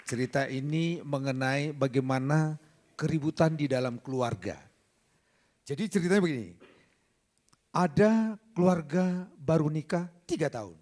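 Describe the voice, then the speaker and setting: A middle-aged lawyer telling a relaxed stand-up comedy story, jumping into character voices. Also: male voice, a little high, normal speed. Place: comedy stage.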